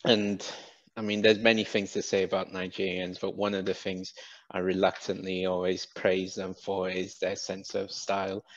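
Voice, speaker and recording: Speaking in a deep voice, the cap business founder, a British man in his thirties raised in Wales, talks casually as a guest on a video-call interview through a headset, indoors. He stumbles along with lots of fillers and restarts, and the recording is dull and dry.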